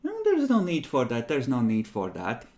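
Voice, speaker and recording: A man voicing a masked interrogator in a tabletop game, measured and coaxing, with weary menace. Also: medium pitch, wildly swooping pitch, darkish tone, pitched below the performer's own voice.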